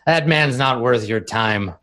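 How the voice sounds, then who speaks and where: A man's voice: medium pitch, bright, forceful tone. A man voicing a smug, rich whale-like alien minister. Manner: slow, drawling and self-satisfied.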